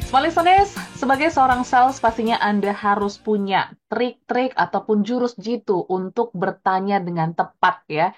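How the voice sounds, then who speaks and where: A woman's voice: mid-range voice, moderate pace, hardly any pauses, faint music behind. Upbeat woman hosting a radio show. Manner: upbeat, mixes English phrases, frequent "gitu ya". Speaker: radio host. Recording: dull lo-fi radio broadcast.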